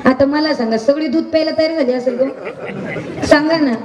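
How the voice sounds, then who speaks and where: A woman kirtan preacher from Maharashtra tells a devotional story in a high, bright voice. She keeps turning to the audience with questions. Her voice echoes through a large hall. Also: moderate pace, recorded from a distance, crowd noise. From Maharashtra, India. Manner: animated, asks the audience questions.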